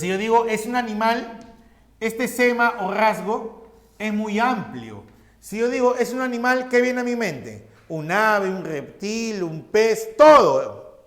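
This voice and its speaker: A man's voice: sits high, fairly bright tone. A male teacher giving a recorded class lecture, explaining step by step and asking his students questions that he then answers himself. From Peru.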